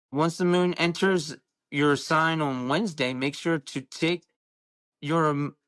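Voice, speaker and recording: A man's voice: medium pitch, fairly bright tone, dry recording. A man hosting a casual online show, chatting in a laid-back, slangy way and reading weekly horoscopes.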